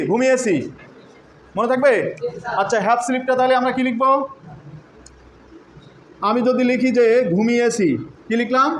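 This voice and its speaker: High-voiced man teaching in an echoey classroom. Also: a little hiss or hum. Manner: drills students with call-and-response questions. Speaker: English teacher. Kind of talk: classroom lesson. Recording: echoey classroom, faint ambience.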